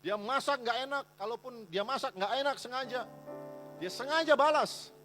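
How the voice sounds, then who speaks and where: High-voiced man preaching. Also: moderate pace, pushed and bright, soft background music. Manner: emphatic preaching, voicing complaining wives in quotes. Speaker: pastor. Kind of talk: sermon. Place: church.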